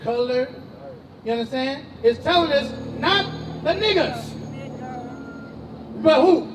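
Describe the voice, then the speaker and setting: High-voiced man preaching on the street. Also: animated, slow pace, distant mic, noisy background. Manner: emphatic, slangy, questioning the crowd. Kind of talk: street preaching, calling on a reader.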